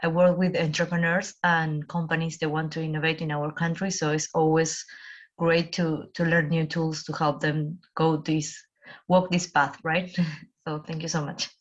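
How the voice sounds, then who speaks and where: A woman's voice: low voice, level tone, normal speed. A woman introducing herself on a video call, friendly and upbeat. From Uruguay. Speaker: innovation agency staff. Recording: muffled lo-fi audio.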